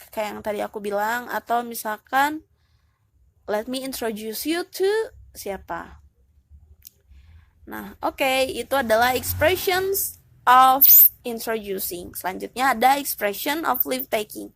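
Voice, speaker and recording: A woman teaching English in a relaxed, casual way, explaining step by step and dropping in English phrases. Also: fairly high pitch, unhurried, creaky, no echo.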